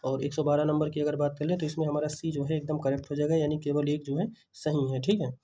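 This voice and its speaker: A man works steadily through an exam answer key, his voice fairly high but mellow. He talks in an even, flat line and keeps asking himself the answer again before repeating it. A faint hiss sits under the recording. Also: fast. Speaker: exam tutor. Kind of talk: solving an exam paper.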